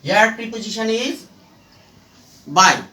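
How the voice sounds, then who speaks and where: A teacher leads a step-by-step grammar lesson in short, halting phrases, asking questions and then answering them. The voice is medium-pitched, animated, bright and forceful, recorded far from the mic in an echoey room.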